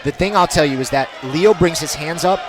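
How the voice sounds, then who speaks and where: A man's voice: a little high, a little fast, a crowd in the background, noisy background. A man giving conversational color commentary and analysis on a live fight. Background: music.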